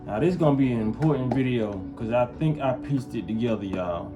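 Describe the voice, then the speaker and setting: Over background music, a Memphis vlogger from the US South talks casually to camera in a mid-range, slightly quick voice. He rambles to his viewers and keeps checking in with "you feel what I'm saying."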